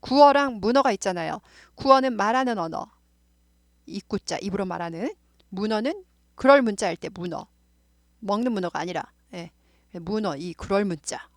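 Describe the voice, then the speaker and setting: Middle-aged woman tutor with a Seoul accent, mid-pitched, talkative and repetitive, dry recording. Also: lively intonation, moderate pace, no echo. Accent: Seoul Korean. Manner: chatty, explains with repetition and asides. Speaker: English teacher. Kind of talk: casual grammar lesson.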